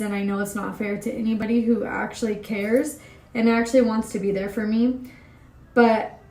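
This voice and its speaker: A woman's voice: fairly high pitch, a little mellow, reverberant. A young woman from California in a candid confessional vlog, talking openly and from the heart to her viewers. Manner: open, heartfelt, talks straight to viewers. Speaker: vlogger.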